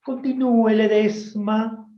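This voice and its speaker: Guy putting on a prim strict schoolteacher lady, argentine accent, slow bossy commands, dull echoey room. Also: very high-pitched, expressive, voice pushed up, exaggerated voice. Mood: stern. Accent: Argentine Spanish. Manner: clipped, drawn-out commands. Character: strict prim woman schoolteacher giving orders.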